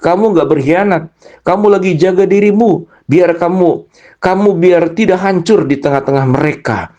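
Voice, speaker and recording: A man giving an earnest, gently encouraging devotional talk to children, speaking with emphasis. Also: sits high, normal speed, muffled recording. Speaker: youth preacher.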